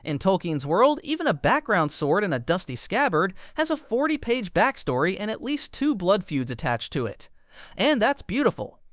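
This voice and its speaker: A man narrates a scripted explainer with a wry, joking delivery. His voice sits high and swoops lively up and down. The recording is close and dry, with no room sound. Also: normal speed, no room sound.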